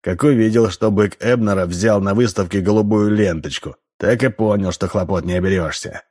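A man voicing a gruff, stern rural constable who barks orders. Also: on the low side, moderate pace, darkish tone, lightly acted. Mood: weary grumbling. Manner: barking, stern.

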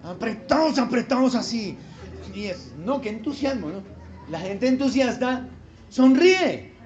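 A man's voice: very high-pitched, animated, moderate pace, a little mellow, slight background noise. A man preaching a sermon as pastor, emphatic and quizzing the congregation with rhetorical questions. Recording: dull live church recording with faint ambience.

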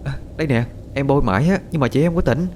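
A man voicing a hardworking, kind aunt in a spoken story, talking quick and higher-pitched. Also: a little mellow, a little hiss or hum, close to an everyday voice. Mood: worried.

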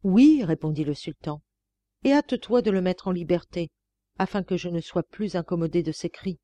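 A woman's voice: lowish voice, moderate pace, dark tone, no echo, lightly acted. A woman reading a grave, stern sultan. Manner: grave, reproachful tone. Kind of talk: audiobook reading of a classic tale.

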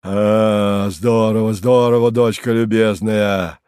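A man voicing a wild, hoarse old man who booms and jeers. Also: animated, slow pace, no room sound, studio quality. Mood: mocking. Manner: booming, mocking.

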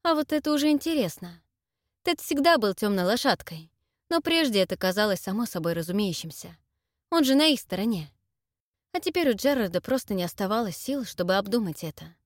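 A woman narrates a fantasy novel in an even, measured way, at a middle pitch for a woman. The recording is dry and close, with no room sound. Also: no echo. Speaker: audiobook narrator. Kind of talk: scripted narration.

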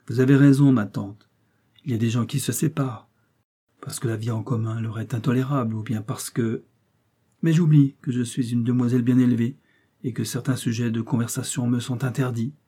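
Male reader plays a defiant young princess, husky and dark-toned, passionate speeches. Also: medium pitch, steady tone, brisk, close to an everyday voice. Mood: indignant. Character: proud idealistic young Russian princess.

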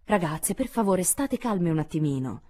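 A woman reading an audiobook voices a middle-aged mother of four, patient but gently flustered and pleading. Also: fairly low pitch, sing-song, normal speed, pitched above the performer's own voice.

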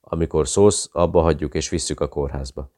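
A man voicing a cold, calculating interrogator who speaks with calm menace. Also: very deep voice. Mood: coaxing.

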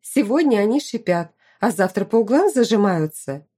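A woman voicing a haughty, scheming duchess who talks in a shrill, indignant way in an audiobook. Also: very animated, normal speed, mellow, breathy edge. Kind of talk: audiobook character reading.

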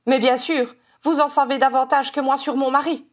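A woman's voice: high-pitched, expressive, moderate pace, voice pushed up. A woman reader voicing a strident, resentful young wife who accuses everyone around her. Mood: bitter, shrill. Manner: accusing, bitter, defensive.

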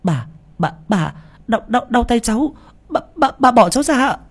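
A man's voice: lowish voice, very animated, normal speed, darkish tone, slightly rough. A man voicing a frightened young village woman who stammers and pleads. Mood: pained pleading.

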